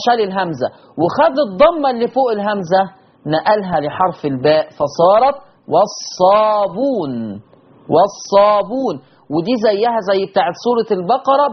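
A Quran readings teacher with an Egyptian accent and a husky voice talks through a lesson. The explanations come fast, while the recited words are drawn out slowly. The recording sounds dull and lo-fi. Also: medium pitch. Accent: Egyptian Arabic.

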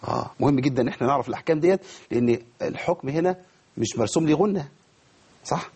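Egyptian guy teaching tajweed, husky voice, talks real fast, keeps quizzing the students. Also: fairly high pitch. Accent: Egyptian Arabic. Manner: lively, quizzes students and models pronunciations. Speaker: Quran recitation teacher. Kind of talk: tajweed lesson to a class.

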